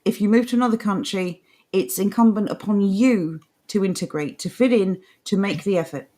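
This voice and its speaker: A woman's voice: medium pitch, normal speed, mellow. A woman co-hosting an opinionated casual chat. She sounds indignant and reads out messages from the chat. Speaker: co-host.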